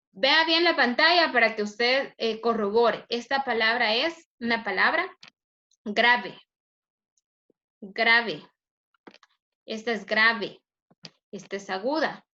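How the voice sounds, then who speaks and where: A woman teacher giving a review lesson, speaking slowly and stretching words out syllable by syllable, asking the class questions and answering them herself. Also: on the high side, sharp tone, dull audio. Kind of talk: recorded review lesson over screen slides.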